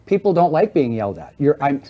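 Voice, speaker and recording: A man's voice: a little high, sing-song, fast talker, dull audio. A middle-aged man on a talk show explaining hearing to the hosts, teaching in a didactic way and acting out little everyday scenes. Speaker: hearing aid specialist guest.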